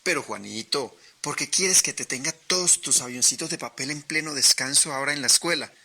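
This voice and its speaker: A man's voice: mid-range voice, a little fast, sharp tone. A man voicing a schoolgirl who asks a boy a puzzled question.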